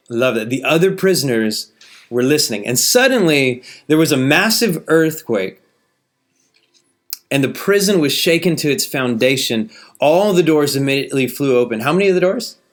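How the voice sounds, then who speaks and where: A man's voice: medium pitch, animated, moderate pace. A man preaching a sermon in a casual, conversational way, reading scripture aloud and asking the listeners rhetorical questions.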